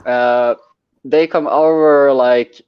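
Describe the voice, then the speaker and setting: A man's voice: medium pitch, fairly even intonation, slow, clear, resonant tone, no echo. A man tells stories in a laid-back way, filling gaps with "uh". The recording is dry and dull, with a lo-fi edge. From Sweden. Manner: laid-back storytelling with many fillers. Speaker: guest. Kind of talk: casual chat.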